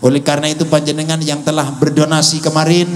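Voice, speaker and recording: Middle-aged preacher guy, east javanese accent, funny storytelling sermon at a stadium, bit high voice. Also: fast. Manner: lively storytelling, mixing joking asides with Arabic recitation. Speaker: Islamic preacher. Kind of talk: humorous sermon. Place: outdoor stadium gathering.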